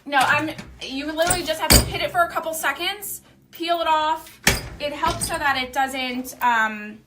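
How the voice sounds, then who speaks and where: A woman's voice: sits high, moderate pace, noisy background. A young woman hosting a live craft demonstration, talking casually with lots of fillers as she works. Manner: chatty, lots of likes and fillers. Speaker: craft demo host. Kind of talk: live demo chat.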